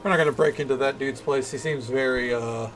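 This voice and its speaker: A man's voice: medium pitch, fairly even intonation, brisk, a bit bright, faint music behind. A man giving casual, chatty gameplay commentary as a streamer, thinking aloud. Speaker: game streamer.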